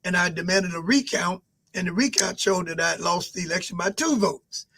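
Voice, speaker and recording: A man in his sixties answering interview questions at a measured pace, with frequent pauses and fillers. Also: sits high, fairly even intonation, bright, forceful tone, slightly rough. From Albany, Georgia. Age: 60s. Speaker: mayoral candidate guest.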